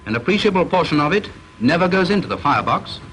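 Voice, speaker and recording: A man with a British accent reads formal narration for a training film, stern, measured and instructive. The rough vintage recording carries faint hiss, and his voice is on the high side, sing-song and a bit bright.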